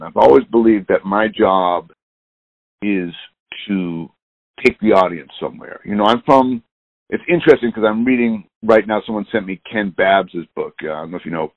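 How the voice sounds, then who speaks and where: This sixties-aged musician guest has a fairly low-pitched voice, recorded dry on a dull lo-fi line. He rambles candidly and loosely through a casual interview.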